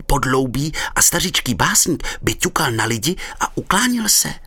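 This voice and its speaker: A man's voice: medium pitch, big pitch swings, pushed and bright, breathy edge, pitched above the performer's own voice, full character voice. A man voicing a small-town undertaker who is eager and fretting, spilling out ideas.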